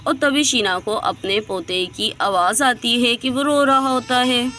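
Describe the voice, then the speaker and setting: A woman narrating a moral story told with dolls, at an unhurried pace. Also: fairly high pitch, bright, forceful tone, a little hiss or hum.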